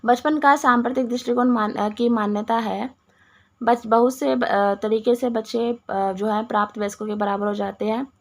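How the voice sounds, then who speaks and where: A woman with a hoarse, gravelly voice and a nagging cough talks through exam questions like a teacher. Her voice sits a little high. She keeps restarting words and mixes English into her explanations. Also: steady tone, moderate pace. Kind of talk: Hindi exam-prep lesson.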